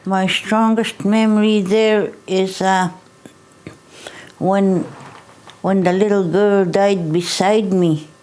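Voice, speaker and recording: Woman in her late 70s, slow and hesitant testimony. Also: mid-range voice, steady tone, darkish tone. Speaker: interviewee. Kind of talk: recorded interview testimony.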